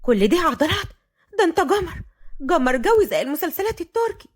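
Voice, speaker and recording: A feisty young woman in her twenties talks back in a raised, bright voice, as a woman storyteller puts her on. She is quick, cheeky and defiant in an audio storybook. Her lines bounce up and down with lively energy. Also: very high voice, pitched above the performer's own voice.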